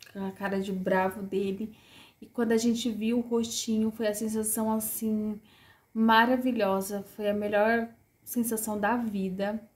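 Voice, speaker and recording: A woman's voice: mid-range voice, darkish tone. A woman casually telling the story of her child's birth, heartfelt and repetitive, full of fillers.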